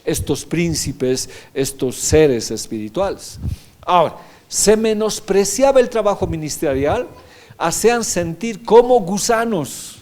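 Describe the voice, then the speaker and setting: Man, pastor preaching, fairly high voice, rhetorical questions, scripture reading. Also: animated, unhurried, a little mellow. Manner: reads scripture verses aloud. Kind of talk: sermon.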